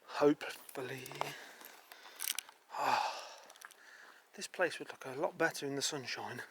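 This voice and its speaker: A man's voice: medium pitch, slow, a bit bright, a little hiss or hum. A man chatting as he walks a muddy misty countryside route, grumbling about the weather. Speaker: travel vlogger. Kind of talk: walking tour commentary. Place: outdoors on muddy fields in mist.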